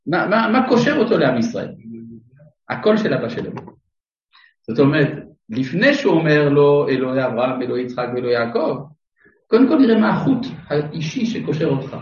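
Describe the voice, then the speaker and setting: A man's voice: fairly high pitch, very animated. A man teaching a Torah class to a live audience, questioning his listeners directly and adding dry humorous asides. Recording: echoey room, mic far off, dull sound.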